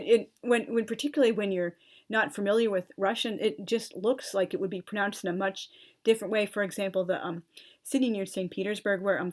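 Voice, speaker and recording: A woman with a mid-range voice talks her way through a casual, opinionated monologue. She is chatty and exasperated in places, often pausing on fillers and restarting her sentences. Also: medium pitch. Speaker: channel host.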